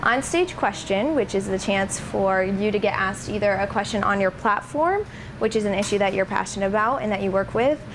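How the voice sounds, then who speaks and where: A young adult woman, a pageant titleholder, gives poised, explanatory answers in an interview. Her medium-pitched voice moves fairly quickly over noisy room ambience.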